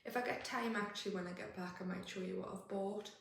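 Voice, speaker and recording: A woman's voice: mid-range voice, steady tone, quick pace, gravelly, distant mic. A woman talks casually in a weight-loss vlog, rambling and restarting her sentences. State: out of breath. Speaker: vlogger. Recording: echoey room, faint noise.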